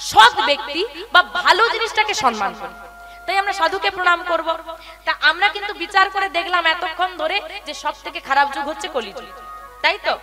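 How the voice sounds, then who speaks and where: A woman with a very high, piercing voice gives a devotional kirtan sermon to a seated gathering. She keeps asking her listeners questions and slips into sing-song chanting of verses. Devotional music plays clearly underneath her speech. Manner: rhetorical questions to listeners, calls them baba. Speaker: kirtan singer and preacher. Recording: music playing behind speech.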